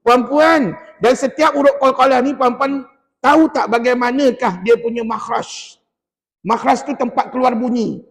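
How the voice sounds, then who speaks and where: High-voiced male teacher in a reverberant mosque. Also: moderate pace, a bit bright. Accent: Malaysian Malay. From Malaysia. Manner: coaching, quizzing the class and modelling sounds. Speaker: Quran recitation teacher. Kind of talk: classroom recitation lesson. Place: mosque hall.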